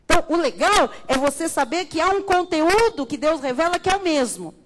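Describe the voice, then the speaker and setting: A woman pastor teaching from the pulpit with a bright, high voice. She preaches emphatically and keeps calling her congregation beloved. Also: very animated, brisk. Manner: emphatic, addresses listeners as beloved. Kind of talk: Bible study sermon.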